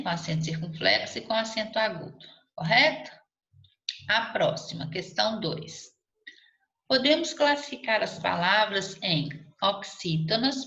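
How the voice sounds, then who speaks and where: This is a woman teacher with a sharp-toned, mid-range voice and vocal fry. She patiently guides students through a recorded remote lesson and checks in frequently, captured in an echoey room on slightly dull lo-fi audio.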